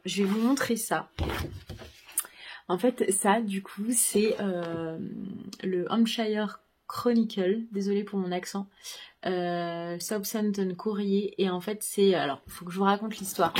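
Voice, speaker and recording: A woman book vlogger chatting casually as she unboxes books. She talks in a halting way, full of fillers and restarts, and gushes with enthusiasm. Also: lowish voice, a little mellow, husky. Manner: gushing enthusiasm.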